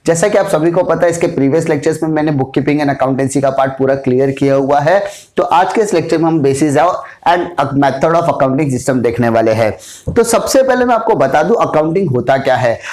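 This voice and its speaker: A man lectures on commerce in a high, fairly light voice. He works through the topic like a classroom teacher, asking questions aloud and answering them himself. He repeats the key terms to drive them home. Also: a little mellow. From India.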